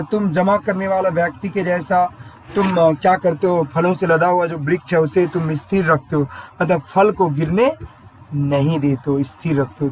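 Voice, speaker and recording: A male teacher explains poetry line by line, unhurried and repetitive, asking his own questions and then answering them. His voice sits fairly high. Faint noise runs underneath. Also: low-quality recording. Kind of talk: exam-prep lesson explaining English poetry.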